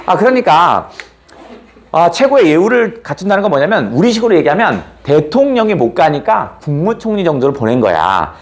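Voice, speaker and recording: A man's voice: fairly high pitch, normal speed. A male teacher retelling a classic tale in class, quizzing his students as he goes. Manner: animated, quizzes students with questions. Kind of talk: storytelling lesson.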